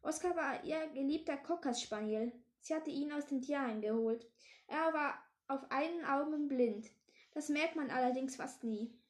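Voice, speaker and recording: A woman's voice: high voice, moderate pace, echoey room. A woman reading a children's story aloud, often tripping over words and correcting herself. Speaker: reader.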